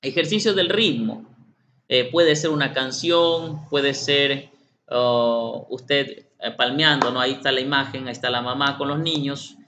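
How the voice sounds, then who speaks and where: The online workshop is presented by a middle-aged man whose medium-pitched, sharp voice moves unhurriedly. He often says things twice, speaks straight to participants and imitates children, while a faint hum sits behind slightly muffled audio.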